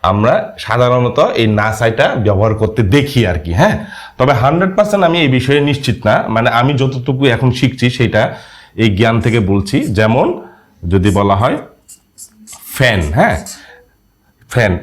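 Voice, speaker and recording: A man teaching a language lesson, explaining spelling and sounds step by step and often checking with a questioning "yes?". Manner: frequent questioning "হ্যাঁ?" to check understanding; lively rising and falling pitch.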